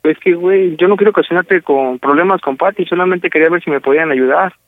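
A man's voice: fairly high pitch, fast, dry recording. A man with a Mexican accent making a prank phone call, pleading and slangy. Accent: Mexican Spanish. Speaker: prank caller.

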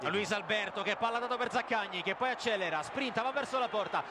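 High-pitched man commentating football goals. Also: fast. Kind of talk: excited live goal commentary. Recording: loud noise behind commentary.

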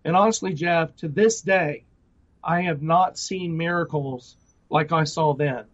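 A middle-aged guest ministry director offers his personal testimony in an interview, earnest throughout and often restarting or using fillers. His voice is a little high and a little slow. It's captured with dull, lo-fi sound.

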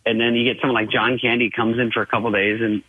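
A man guest swapping comedy stories in a casual chat, animated and voicing others as he tells them. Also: medium pitch, fast talker, husky, phone-quality sound. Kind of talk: casual anecdote telling.

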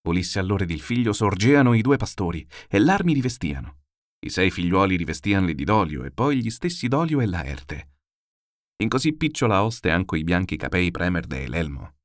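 A man reading classical epic verse aloud in a steady, declamatory way. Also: sits low, moderate pace, dry recording, clean studio sound. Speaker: narrator.

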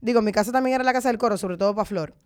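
A woman chatting as a podcast co-host, an animated storyteller who jumps in often. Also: a little high, rapid-fire, heavy background noise. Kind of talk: casual chat.

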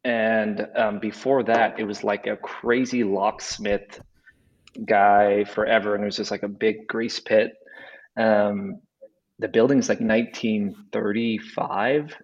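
Relaxed man guest, dull lo-fi sound. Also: fairly low pitch, slow. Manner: relaxed, rambling, lots of fillers. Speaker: guest, business owner. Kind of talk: casual interview conversation.

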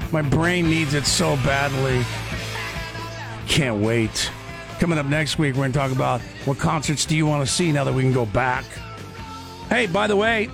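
Sarcastic high-voiced radio host man. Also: gravelly. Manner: sarcastic, conversational, rapid asides. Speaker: radio talk show host. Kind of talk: casual talk radio.

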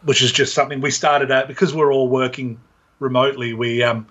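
A man's voice: mid-range voice, flat delivery, a little fast, a bit bright, highs cut off. A man co-hosting a podcast, chatting casually with dry humor and plenty of fillers. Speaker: podcast co-host. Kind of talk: casual chat.

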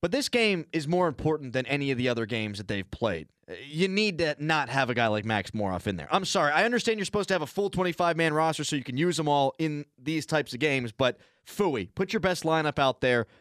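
A man's voice: fairly high pitch, expressive, a little fast, few pauses, fairly bright tone, no echo, studio quality. A man hosting a sports radio show, chatting casually and joking with his guest. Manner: joking, opinionated. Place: radio studio.

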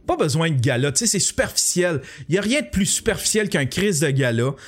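A man's voice: a little high, big pitch swings, brisk, faint music behind. A man with a Québécois French accent hosting an online show, ranting with profanity and heavy sarcasm. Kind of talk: sarcastic live-stream commentary.

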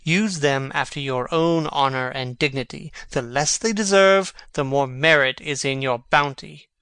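A man playing a brooding, sharp-witted young prince, speaking verse theatrically. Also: mid-range voice, a little slow, smooth, no echo. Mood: commanding. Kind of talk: reading a stage play.

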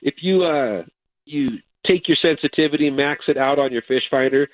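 A man working as a fishing guide, calling in to chat about fishing in a relaxed, folksy way. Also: a little high, moderate pace, dry recording. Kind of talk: casual phone-in chat. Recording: tinny phone line.

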